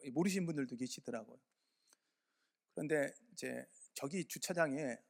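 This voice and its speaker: A man preaching a sermon as pastor in a church sanctuary, telling a story conversationally and putting questions to his congregation. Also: on the high side.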